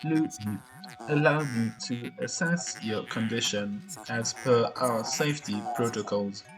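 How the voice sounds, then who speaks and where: A man voicing a calm, formal male spaceship computer, reading game dialogue aloud in a stiff, instructive manner over music. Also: mid-range voice, measured pace, close to an everyday voice, poor audio. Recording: music playing behind.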